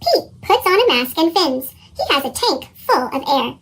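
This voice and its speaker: A narrator with a squeaky cartoon chipmunk voice effect reads a children's story in a lively way. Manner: slow, lively reading. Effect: pitched-up chipmunk voice effect. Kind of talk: scripted children's story read-aloud.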